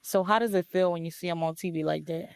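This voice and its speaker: A male host runs a casual interview in a laid-back, reactive way. His voice is smooth and resonant, sitting a little high. The recording is dry and close. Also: steady tone, quick pace, dry recording.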